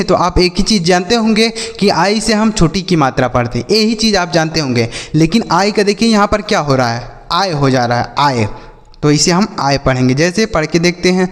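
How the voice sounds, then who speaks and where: A man teaching English reading in a classroom style, asking his students questions and drilling each word slowly. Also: high voice, in a large hall. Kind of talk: classroom-style phonics lesson.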